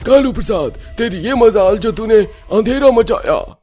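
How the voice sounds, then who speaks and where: A man's voice: high voice, lively intonation, measured pace, mellow, breathy edge, soft background music, full character voice. A man doing a swaggering ghost chieftain. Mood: angry. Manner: commanding, swaggering. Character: boastful male ghost chieftain. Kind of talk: cartoon voice acting.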